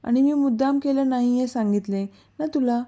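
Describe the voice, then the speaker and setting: A woman's voice: high voice, moderate pace, mellow, voice pushed up, close to an everyday voice. A woman voicing a protective young man who gives firm, caring orders, in a storybook reading.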